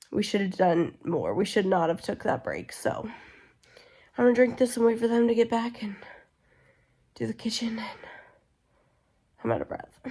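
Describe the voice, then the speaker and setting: A young woman with a sore throat who is sick, rambling and venting in a casual vlog at home. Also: mid-range voice. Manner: rambling and venting, lots of "like" fillers. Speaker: vlogger. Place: at home indoors.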